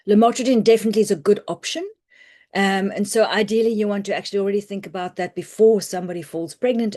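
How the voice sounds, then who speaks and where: A woman physician teaches on a video call, her voice hoarse and croaky. She explains clinical points in a practical, reassuring way. Her delivery is loose and conversational. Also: medium pitch, dark tone. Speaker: family physician presenting a webinar. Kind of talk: online medical teaching talk. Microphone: computer mic on a video call.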